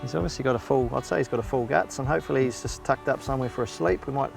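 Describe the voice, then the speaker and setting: A man's voice: medium pitch, rapid-fire, creaky, music in the background. A man, chatting casually. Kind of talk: casual chat.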